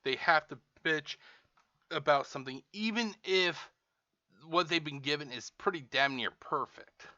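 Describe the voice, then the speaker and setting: A man's voice: fairly high pitch, a little slow, pushed and bright, no echo, muffled recording. A man hosting a reaction video, ranting in exasperation and swearing constantly as he mocks what he hears. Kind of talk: profane ranting reaction commentary.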